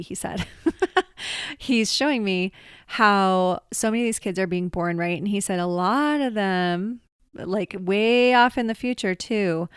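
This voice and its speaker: A woman's voice: mid-range voice, clean tone, no echo, studio quality. A woman, a medium, chatting casually and relaying what her spirit guide tells her, with frequent small laughs.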